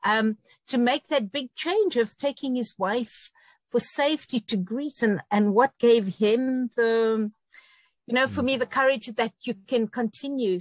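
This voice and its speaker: A woman's voice: fairly high pitch, dry recording, poor audio. A woman from South Africa, a whistle-blower on a panel, speaking earnestly on a video call with frequent ums.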